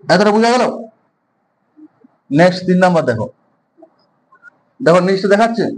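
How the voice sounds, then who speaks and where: Guy teaching grammar, high voice, keeps asking then answering his own questions. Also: lively intonation, normal speed, poor audio. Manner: repeats questions and answers them himself. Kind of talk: classroom lesson explanation.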